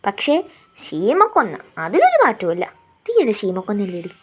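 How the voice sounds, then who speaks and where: A woman reading a story aloud, voicing a young man who is gruff but tender and teases his lover in a low drawl. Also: wildly swooping pitch, moderate pace. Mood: teasing tender. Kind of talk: storybook narration.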